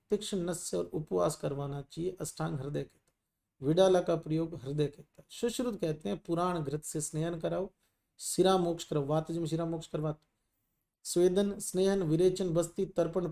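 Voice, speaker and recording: A man's voice: high voice, dark tone. A middle-aged male teacher lecturing a class on ayurveda, teasing and scolding students while mixing in English terms.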